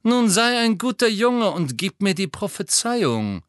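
A drawling, mocking dark wizard of noble airs, as a man puts him on in an audiobook. The voice sits higher than a plain speaking voice and has a bright, cutting edge. Every word drips with contempt, and the recording is dry and close. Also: big pitch swings, unhurried, no room sound, heavily acted. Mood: drawling sneer. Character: sneering aristocratic male dark wizard. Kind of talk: audiobook character voice.

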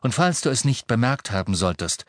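A man's voice: mid-range voice, sing-song, fairly quick, no room sound, lightly acted. Angry young man, cutting, controlled, a little raised, storybook role, as a man narrator reads him.

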